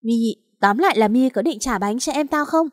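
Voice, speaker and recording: A woman's voice: fairly high pitch, lively intonation, fairly quick, no room sound, clean studio sound, voice pushed up. A woman doing an earnest young boy. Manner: earnest, pleading. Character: determined young boy protecting his sister.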